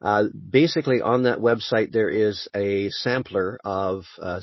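Low-voiced man chatting, dry and relaxed. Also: no room sound. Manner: relaxed, conversational, dry humor. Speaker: voice actor guest. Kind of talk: casual interview chat. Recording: muffled lo-fi audio.

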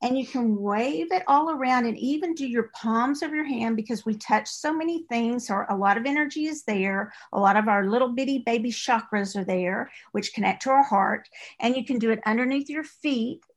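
Chatty East Texas woman, slightly high voice. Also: moderate pace. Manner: chatty and rambling, with many restarts and laughs. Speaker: podcast guest, author and crystal store owner. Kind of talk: casual interview chat.

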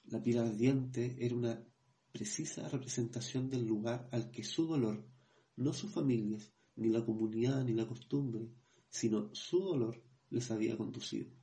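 A man co-hosting a podcast, reading passages from a book in a measured way, then hesitating as he comments in his own words. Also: medium pitch, dark tone. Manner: measured reading, hesitant when speaking freely. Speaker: podcast co-host.

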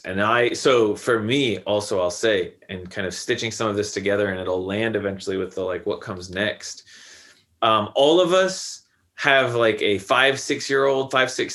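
Reflective man in his thirties, low voice. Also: fairly bright tone. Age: 30s. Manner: reflective, rambling with many fillers. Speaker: podcast guest. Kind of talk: casual conversation.

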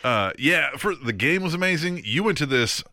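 A man with a bright, forceful voice and lively pitch hosts a casual podcast. He jokes and chimes in readily, recorded dry and close. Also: normal speed, dry recording, soft background music. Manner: joking, agreeing interjections. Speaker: podcast host.

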